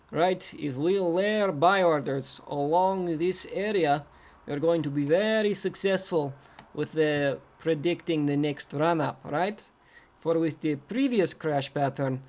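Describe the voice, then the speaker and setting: A man's voice: a little high, darkish tone, lightly acted. A man putting on an as a clipped trading analyst who drops his articles and keeps asking "right?".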